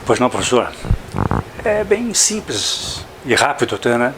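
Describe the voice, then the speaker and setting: A man's voice: medium pitch, sing-song, normal speed, a little hiss or hum. An older man, a veteran journalist, speaking as a guest in a radio studio interview, talking reflectively and often adding "não é?" tags. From Santa Catarina, southern Brazil.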